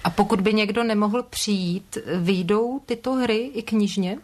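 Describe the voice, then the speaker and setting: Radio host woman with brisk questions. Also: medium pitch, a little mellow, slight background noise. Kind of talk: radio interview.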